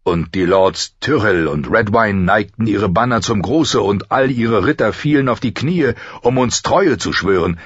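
A man reading aloud voices a weary, wounded male lord, speaking gravely and tiredly. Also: on the low side, animated, a little slow, hardly any pauses, no room sound, highs cut off, pitched above the performer's own voice.

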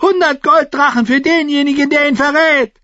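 A man's voice: very high-pitched, normal speed, sharp tone, no echo, lo-fi sound, pitched above the performer's own voice. A man voicing a spoiled, cruel teenage boy king who screams his commands. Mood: furious.

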